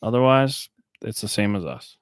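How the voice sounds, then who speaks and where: A man's voice: fairly low pitch, big pitch swings, moderate pace, dry recording. Giggly laid-back guy. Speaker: podcast co-host. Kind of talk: casual movie-recap chat. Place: small warm room, under a heater.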